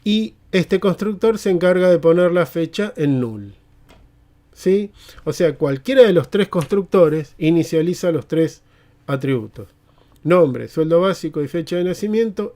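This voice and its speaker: A man's voice: on the high side, a little mellow. Man teaching a coding class. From Argentina. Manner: explanatory, full of checking tags like "¿eh?" and "¿mm?". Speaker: programming teacher. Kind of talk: live online class lecture.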